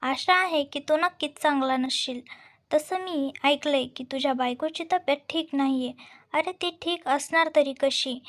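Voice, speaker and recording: A woman's voice: high voice, moderate pace, a bit bright. A woman voicing a cruel male villain who mocks and gloats, in a storybook reading. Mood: gloating. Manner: mocking, gloating.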